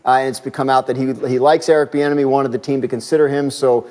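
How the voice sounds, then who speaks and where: A man's voice: medium pitch, flat delivery, fast talker, a little mellow. Man talking sports over a beeping alarm. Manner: conversational, explanatory with tag questions. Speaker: sports reporter and analyst. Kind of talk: live sports talk. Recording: alarm beeping behind, music behind.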